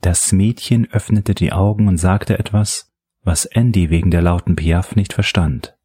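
Deep, husky male audiobook narrator. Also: no room sound, studio quality. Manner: measured, steady storytelling.

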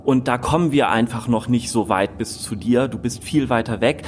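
A man's voice: medium pitch, moderate pace. A male expert with a mid-range voice explains things to children in simple, informal terms. He is patient and plain-spoken, with faint noise in the background. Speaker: astronomy expert, interview guest.

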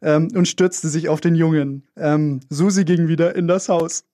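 Young guy cohosting radio, bit higher voice, dry close mic, keeps saying äh and teasing himself. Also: fairly even intonation, moderate pace, warm tone, dry recording. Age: young adult. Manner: hesitant, many fillers, wry self-mocking. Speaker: radio co-host. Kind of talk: casual radio chat.

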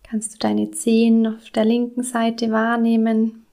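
Slow, soothing woman guiding meditation. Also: on the high side, monotone. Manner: slow, soothing, with soft breathy whispered words. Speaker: meditation guide. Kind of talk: guided body scan meditation.

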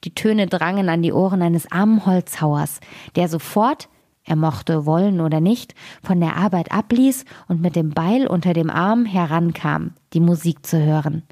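A woman reads a fairy tale aloud for a radio station's podcast. Her voice is lowish, and she keeps a calm, even storytelling pace. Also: moderate pace.

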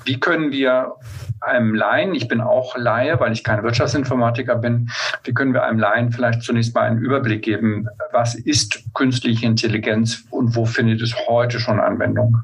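Moderator, Mann, leicht heisere Stimme, fragt per Videocall, freundlich und tastend. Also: male voice, mid-range voice, steady tone, moderate pace, breathy edge, rough recording. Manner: friendly, searching phrasing with fillers. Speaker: podcast host. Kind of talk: video call interview. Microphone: video call.

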